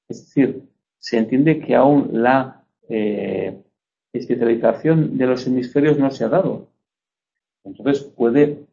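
Mellow Spanish lecturer, checking in often. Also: male voice, mid-range voice, gravelly, lo-fi sound. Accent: Spanish (Spain). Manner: explanatory, checks understanding with frequent tag questions. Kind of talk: university lecture.

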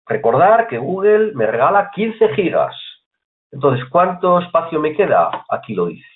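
A man's voice: a little high, big pitch swings, measured pace. Chatty man teaching, tinny lo-fi sound. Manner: chatty, repeats points, asks "¿vale?" often. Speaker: computer course teacher. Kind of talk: screen-recorded software tutorial. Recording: tinny phone-like audio.

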